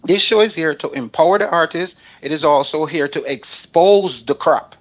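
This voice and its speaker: Speaking at a moderate pace in a slightly high, somewhat bright voice, a Jamaican-accented talk-show host gives artists opinionated advice, and the highs are cut off in the audio. He hammers his points bluntly and emphatically through repetition.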